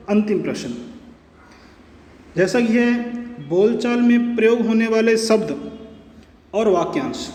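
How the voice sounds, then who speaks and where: A male teacher giving a Hindi grammar lesson, slowly repeating and dictating example sentences. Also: high voice, darkish tone. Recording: echoey room with long reverb.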